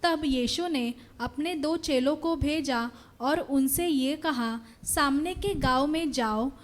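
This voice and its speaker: A woman reads scripture aloud to the congregation at an unhurried pace. Her voice is high and even. She keeps a steady reading rhythm.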